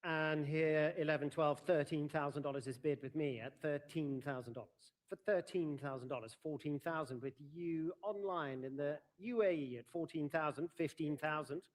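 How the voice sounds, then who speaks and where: Higher-voiced man calling a live auction. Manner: formal, courteous, measured announcing. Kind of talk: live auction calling, reading lots and bids.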